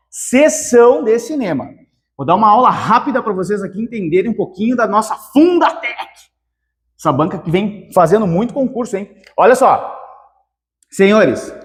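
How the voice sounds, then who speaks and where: A man teaching an exam-prep grammar lesson, lively and animated, talking straight to the student. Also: sits high, long reverb tail. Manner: lively, animated, calls viewers "meu querido".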